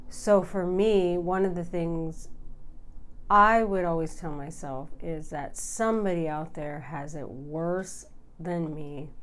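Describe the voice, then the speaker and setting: Slow, smooth-voiced middle-aged woman. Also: low-pitched. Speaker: vlogger. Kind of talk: candid personal storytelling to camera. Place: small furnished room indoors.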